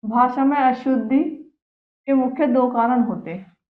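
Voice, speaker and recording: A woman teaching a grammar lesson to young pupils, speaking slowly, repeating each word and answering her own questions. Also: high-pitched. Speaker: Hindi teacher. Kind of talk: classroom lesson for children. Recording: echoey room, tinny phone-like sound.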